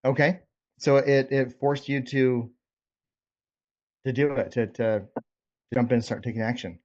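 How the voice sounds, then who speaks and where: In a casual video call coaching session, a man checks in on the group with informal encouragement. His voice is medium-pitched and darkish, with fairly even intonation and a measured pace, and the recording is dull and lo-fi.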